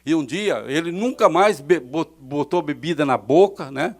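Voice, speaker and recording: A middle-aged man with a Brazilian accent, a pastor preaching a fervent sermon in church, swelling loud and dropping soft. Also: on the high side, animated, normal speed. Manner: fervent preaching with sudden swells and drops in loudness.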